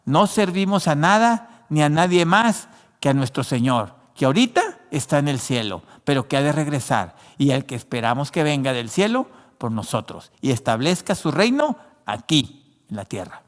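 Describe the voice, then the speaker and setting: A man with a slightly high voice and big pitch swings preaches at normal speed in a large, echoing room. Spanish isn't his first language, so he restarts often and uses plenty of fillers while calling listeners "hermano."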